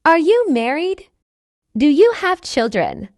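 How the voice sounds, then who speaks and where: A woman reading a slow, high, lilting learner. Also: very animated, no room sound, clean studio sound, exaggerated voice. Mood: friendly. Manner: slow, carefully enunciated, each line said twice. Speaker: dialogue reader. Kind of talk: scripted practice dialogue for English learners.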